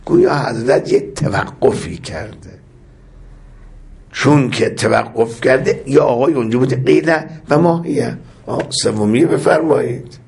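A man's voice: mid-range voice, animated, vocal fry, darkish tone. A man preaching a religious sermon with rhythmic, impassioned repetition, weaving in recited Arabic prayer phrases.

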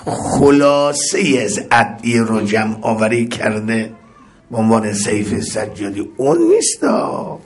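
A male preacher giving a religious sermon. He recites Arabic prayer lines and then explains them, building to impassioned cries on repeated phrases. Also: fairly low pitch.

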